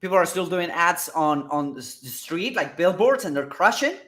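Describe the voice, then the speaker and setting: A man hosting casual business commentary on advertising, energetic and excitable, often checking in with "all right?" and "guys". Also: a little high, moderate pace, reverberant. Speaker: marketing host.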